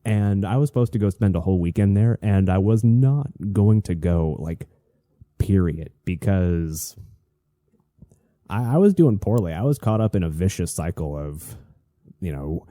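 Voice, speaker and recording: A deep, very mellow man's voice with a slightly stuffy edge, recorded dry. He hosts a solo show in a casual, confessional way, often halting and doubling back on his own sentences. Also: expressive, no room sound. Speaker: host of a solo online show.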